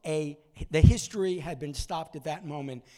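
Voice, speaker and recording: A man in his sixties telling a personal story in an animated way, acting out voices and moments from it. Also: on the high side, moderate pace.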